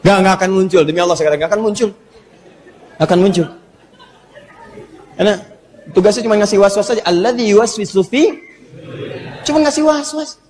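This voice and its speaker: High-voiced male preacher in an echoing hall. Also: brisk, long pauses, a faint crowd, a little hiss or hum. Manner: animated, humorous, teasing the audience. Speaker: preacher, ustaz. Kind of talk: Islamic sermon. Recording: long hall reverb.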